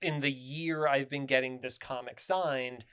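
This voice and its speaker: A man's voice: mid-range voice, steady tone, a little slow, fairly bright tone, smooth. A man guesting on a podcast, telling enthusiastic stories in casual chat with many fillers.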